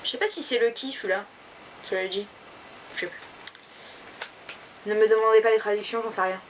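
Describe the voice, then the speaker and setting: A woman's voice: medium pitch, a little fast, recorded from a distance, noisy background. A woman chatting casually in a shopping haul vlog, rambling with lots of fillers. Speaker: vlogger.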